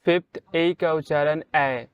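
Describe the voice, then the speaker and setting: A man teaching English pronunciation in a slow, deliberate way, saying each example word out loud with strong stress. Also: on the high side, steady tone, clean tone, muffled recording. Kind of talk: slow spelled-out pronunciation lesson.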